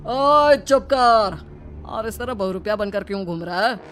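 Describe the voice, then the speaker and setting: A woman's voice: mid-range voice, expressive, measured pace, a bit bright, soft background music. A woman voicing a blustering male street robber who slips into banter in a moral story. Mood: threatening. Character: chatty male street robber, blustering but easily awed.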